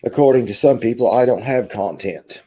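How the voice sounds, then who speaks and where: With a mid-range voice that's mellow and slightly rough, a livestream host from Kentucky, USA, talks at a normal speed. He rambles casually in his Kentucky accent, reads out chat comments, and fills pauses with lots of ums.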